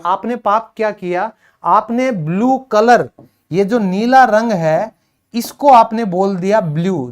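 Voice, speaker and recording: A man teaching an English pronunciation lesson, repeating words emphatically to drill them. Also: sits high.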